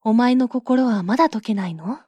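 A woman reading as a gentle, stern Virgin Mary. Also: fairly high pitch, moderate pace, husky, dry recording. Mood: admonishing.

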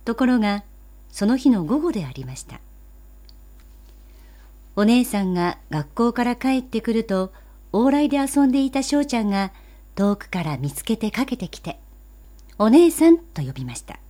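A woman narrating a children's story in a gentle, even, politely old-fashioned way. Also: a little high, normal speed, pauses often. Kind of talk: storybook reading.

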